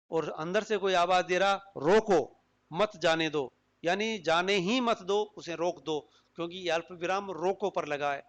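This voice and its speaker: A man giving a recorded lecture, explaining slowly and deliberately and reading examples aloud. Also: high voice, a bit bright.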